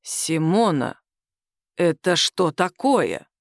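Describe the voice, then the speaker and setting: A woman voicing an angry, bullying male office boss who growls and shouts slowly. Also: medium pitch, animated, dry recording, studio quality, natural voice. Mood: menacing.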